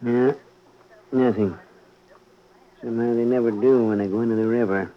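An actor playing a matter-of-fact, callous morgue attendant with a casual manner in old radio drama. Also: male voice, medium pitch, fairly even intonation, normal speed, lightly acted. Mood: offhand. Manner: casual, offhand. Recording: dull, noisy old radio recording.

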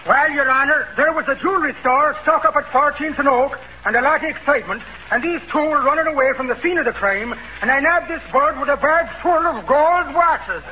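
A man's voice: very high voice, brisk, few pauses, bright, forceful tone, heavily acted. An actor playing a bossy, sceptical Irish beat policeman with a blustery manner in 1940s radio comedy. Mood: bossy, triumphant. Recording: dull, hissy old radio recording.

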